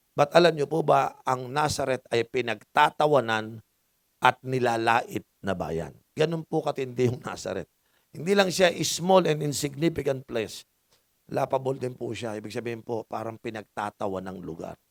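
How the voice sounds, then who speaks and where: Filipino-accented man, gravelly voice, dry sound, lively sermon with questions to the congregation. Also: medium pitch, no room sound. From Philippines. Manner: mixes in English, asks the congregation for answers, jokes. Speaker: pastor. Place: church hall.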